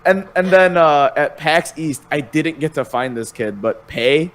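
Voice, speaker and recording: A man's voice: fairly high pitch, expressive, a little slow, crowd noise. A young man as a podcast guest, chatting casually and telling laid-back stories, with the odd swear word. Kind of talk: casual chat.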